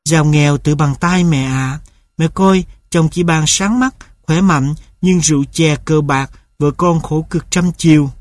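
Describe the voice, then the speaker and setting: A gentle young village woman pleads in a soft, sweet, raised voice, as a male storyteller puts her on. The sound is close and dry, like an audiobook reading. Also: on the high side, unhurried, dry recording, natural voice. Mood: pleading.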